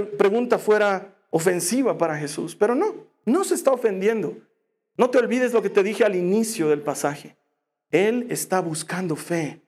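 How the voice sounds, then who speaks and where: High-voiced, animated male preacher. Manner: animated storytelling with slow emphatic phrasing. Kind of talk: sermon.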